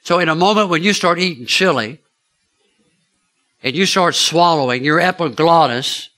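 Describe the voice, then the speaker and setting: Male preacher, slightly high and very bright voice, chatty storytelling sermon, quizzes the congregation. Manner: chatty, asks the listeners questions.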